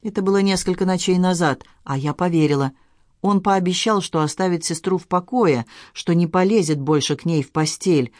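A man's voice: sits high, moderate pace, a little mellow, no echo, studio quality, voice pushed up, lightly acted. A man doing a sobbing, guilt-ridden young woman. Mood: tearful. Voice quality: pleading, sobbing delivery.

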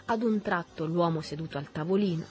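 A woman reading a literary novel aloud in a measured, even storytelling manner. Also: fairly low pitch, soft background music. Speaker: audiobook reader. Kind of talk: literary audiobook narration.

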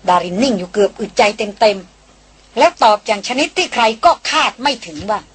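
A woman reading a novel aloud as an audiobook, in a steady, even storytelling manner. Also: mid-range voice, normal speed, slight background noise. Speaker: audiobook reader. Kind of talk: scripted novel narration.

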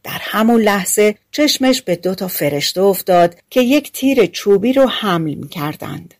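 A woman narrates a folk tale for an audiobook. She keeps the telling conversational and easy, like speaking to a listener, and her voice sits at a middle pitch. The sound is close and clean. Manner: conversational spoken storytelling with lively character voicing.

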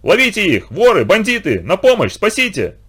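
A man voicing an excitable, pompous middle-aged male musician who shouts in alarm and bristles with indignation. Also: a little high, fast talker, voice pushed up. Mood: panicked shouting. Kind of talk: audiobook character voice.

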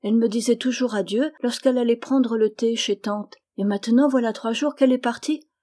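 A woman voicing a trusting, cheerful little girl of about five in an audiobook, in a high, lively childlike voice. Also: fairly quick, close to an everyday voice. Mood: chatty. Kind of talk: audiobook reading.

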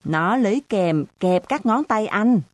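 A crafty, boastful teenage boy tutor, as a woman reading a storybook plays him spins tall tales and stumbles when he is caught. The delivery stays slow and measured, and the recording is dry and close. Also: medium pitch, animated, dry recording, natural voice. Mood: boastful, weary.

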